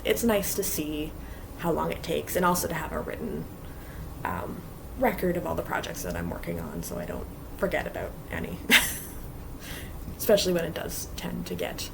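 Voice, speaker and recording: In her home basement craft area, a woman with a low, creaky voice rambles casually about cross-stitch projects, leaning on plenty of fillers. Allergies leave her a little stuffy, and background noise is audible.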